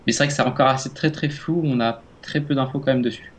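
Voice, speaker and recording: A man co-hosts a casual gaming podcast in a medium-pitched voice. He explains things haltingly, with frequent fillers and restarts. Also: steady tone. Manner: hesitant, many fillers and restarts. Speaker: podcast co-host.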